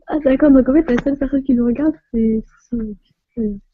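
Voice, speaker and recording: A woman's voice: sits high, husky, no room sound, phone-quality sound. A woman from France hosting a casual live stream on her phone, laughing often and flustered by technical trouble.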